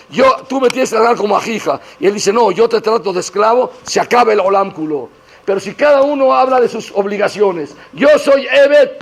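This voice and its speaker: Male rabbi, Torah lecture, high gravelly voice, animated teacher who acts out dialogues. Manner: mixes Hebrew terms into Spanish, lively teacher acting out dialogues. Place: classroom talk to female students.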